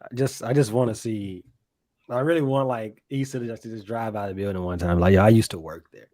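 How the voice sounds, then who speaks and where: A man from the American South with a Southern accent, co-hosting a podcast and recapping scenes in a relaxed, casual way. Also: fairly low pitch, a little fast, dry recording. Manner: laid-back storytelling, recaps scenes with quoted lines. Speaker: podcast co-host. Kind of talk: casual chat.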